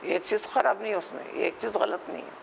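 Man, Hyderabadi accent, religious lecture, high gravelly voice, rhetorical, faint background hiss. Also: a little fast, poor audio. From India. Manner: rhetorical, mimics others in quotes, emphatic questions. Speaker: Quran scholar.

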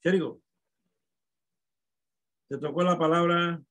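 A man's voice: fairly high pitch, fairly even intonation, slow, fairly bright tone. A male primary school teacher running an online class, calling on pupils and patiently spelling words out syllable by syllable.

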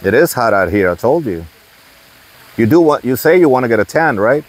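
A man's voice: medium pitch, expressive, brisk. A man hosting a casual vlog, chatting easily and teasing, at an outdoor restaurant. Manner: easygoing, teasing. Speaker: vlog host. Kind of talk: casual chat and to-camera intro.

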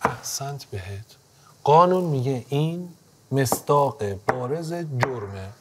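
A man's voice: medium pitch, lively intonation, noisy background, lightly acted. An actor playing a stern male judge in a courtroom TV drama, firm and lecturing, repeating his orders.

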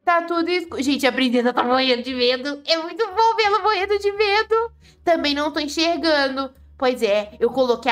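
A Brazilian woman gaming YouTuber gives excited, playful commentary with dramatic exclamations while playing a game. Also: fairly high pitch. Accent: Brazilian Portuguese.

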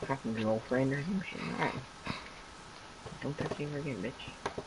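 A man's voice: medium pitch, normal speed, heavy background noise. A man bantering crudely with a friend, swearing constantly and mocking in a casual chat.

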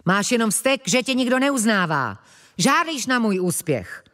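A woman voicing a boastful, quick-tempered male tech inventor who snaps at his rival, in a children's audiobook. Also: medium pitch, lively intonation, voice pushed up, close to an everyday voice. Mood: snappy boastful. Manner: snappy, boastful. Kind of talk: audiobook character voice.

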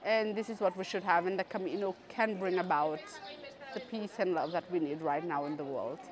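A woman's voice: lowish voice, fairly even intonation, a little fast, crowd noise. A woman in her fifties from the Seychelles, speaking reflectively in a street interview in a city square. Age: 50s. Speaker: pilgrim interviewee.

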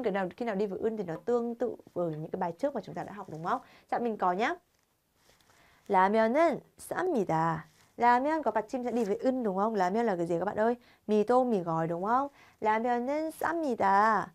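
A woman's voice: medium pitch, rapid-fire, darkish tone. A woman teaching a Korean grammar lesson to learners, constantly quizzing viewers with rhetorical questions.

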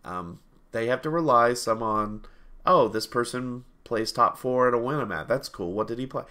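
A game reviewer co-host in his thirties chats casually over a headset on a video call from a small room at home, sniffly from allergies. His medium-pitched voice is pushed and bright at a moderate pace, and he rambles, corrects himself as he goes and laughs easily.

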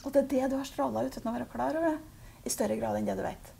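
A woman gives a spiritual reading in a calm, halting way. Her voice is very gravelly and husky, with a dark, mellow tone and a slightly high pitch. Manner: calm, halting, with many fillers. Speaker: intuitive reader.

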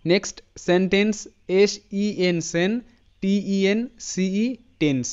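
A man with a fairly high, smooth and resonant voice leads a pronunciation lesson. He spells each word out letter by letter, then says it again slowly, often pausing to check that his students follow. The recording sounds slightly dull and lo-fi. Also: darkish tone. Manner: spells words letter by letter and repeats them slowly; addresses students directly with frequent "thik ache" checks. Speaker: English pronunciation teacher. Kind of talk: spoken classroom lesson.

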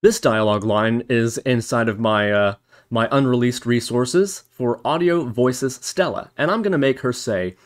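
Speaking in a mid-range voice at a moderate pace, a man hosts a relaxed coding tutorial recorded from his screen. He talks through every step while typing it out.

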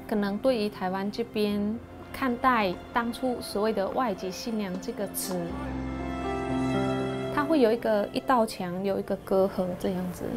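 A woman in her thirties from Cambodia, a university student, speaking softly and reflectively in a documentary interview. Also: mid-range voice. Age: 30s. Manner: soft, reflective, halting. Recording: clean documentary audio with music underneath. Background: soft background music.

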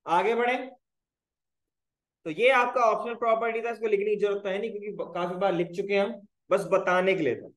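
High-voiced man teaching a coding class. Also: fairly even intonation, a little fast, fairly bright tone, echoey room, poor audio. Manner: explains step by step, checks in with repeated "clear, brother?". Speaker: programming teacher. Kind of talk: live coding class tutorial.

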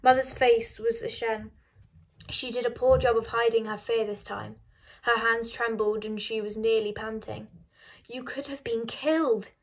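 A woman reading a novel aloud, measured and dropping soft on narration. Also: on the high side, flat delivery. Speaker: reader of a novel.

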